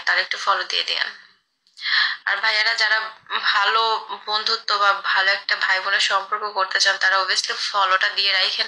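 A woman streaming live in casual chat, feeling unwell and tired, talking slowly and softly. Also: mid-range voice, poor audio. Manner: slow, soft-spoken.

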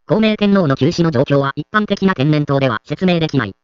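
A man reads short online comments aloud at a brisk clip, moving straight from one post to the next. His voice is a little high for a man and comes across smooth and crisp. The track is dry and slightly dull, like a lo-fi voice-over. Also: expressive, dry recording.

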